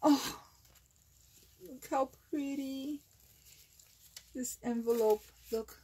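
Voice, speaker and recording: Slow, husky woman gushing over gifts. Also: lowish voice, a little mellow. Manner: gushing, exclaiming over each item. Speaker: craft channel host. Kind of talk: unboxing vlog.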